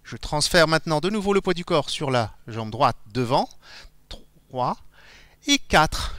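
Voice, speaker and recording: A man's voice: fairly high pitch, expressive, unhurried, fairly bright tone, no room sound. A middle-aged man from France teaching an online dance class, counting the beats aloud as he demonstrates steps in a dance studio. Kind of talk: live online dance lesson. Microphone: far camera.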